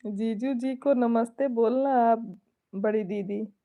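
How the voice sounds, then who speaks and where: A woman's voice: fairly high pitch, slow pace, phone-quality sound. A woman who sings folk songs, chatting casually on a live stream with an Awadhi-tinged Hindi accent, reading viewer comments aloud, chuckling often and trading devotional greetings. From Awadh region of India.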